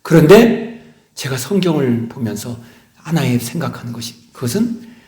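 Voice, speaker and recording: A middle-aged male pastor preaching a sermon, swinging between loud emphasis and hushed whispers. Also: mid-range voice, expressive, moderate pace. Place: church sanctuary. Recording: echoey church hall.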